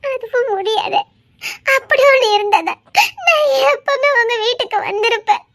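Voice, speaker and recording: A woman playing a young woman, tearful, pleading, shrill high voice, audio drama. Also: normal speed, fairly bright tone. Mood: desperate confession. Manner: weeping, pleading, laughing through tears. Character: tearful young woman torn between love and a forced mission.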